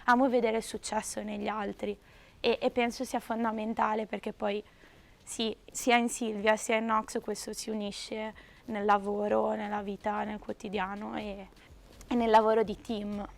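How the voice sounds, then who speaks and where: A woman talking reflectively in an interview, hoarse, with her voice giving out from shouting. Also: mid-range voice, level tone, normal speed.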